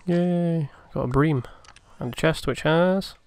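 A man's voice: fairly high pitch, measured pace, a little mellow, clean tone, dry recording. A man casually commenting on his own gameplay, chatty and swearing freely as he mutters along. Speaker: let's play host.

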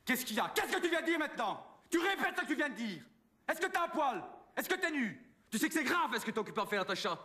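A man's voice: high-pitched, racing, few pauses, bright, forceful tone. An actor playing a pushy, patronizing male glamour photographer in a film comedy, with a Belgian French accent and a habit of adding "hein" to his sentences. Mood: defensive. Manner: bossy, patronizing, tacks "hein" onto sentences.

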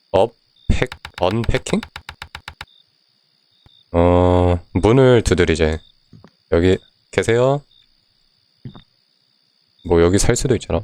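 Male game streamer, lowish voice, loose chatty commentary, reads on-screen text aloud, quick to curse and yell. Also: slight background noise. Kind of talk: casual let's-play commentary.

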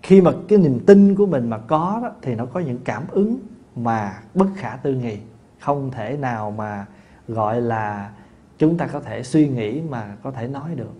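A man, a Buddhist monk teacher giving a dharma talk in a folksy, conversational way, with many fillers and restarts and lively anecdotes. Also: medium pitch, unhurried, highs cut off. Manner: tells lively anecdotes with laughter. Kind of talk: dharma talk answering questions.

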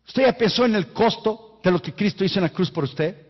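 Emphatic high-voiced preacher in a hall. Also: male voice, brisk, slightly rough. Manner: emphatic, repeats phrases for stress. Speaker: evangelist preacher. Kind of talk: sermon. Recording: reverberant hall, dull lo-fi sound.

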